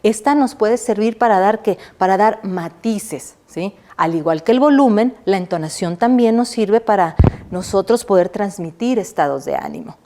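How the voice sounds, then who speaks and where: A middle-aged woman, a university lecturer giving a recorded online lesson. She asks her listeners questions, answers them herself, and keeps checking in with a quick "right?". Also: mid-range voice, dark tone, slight background noise.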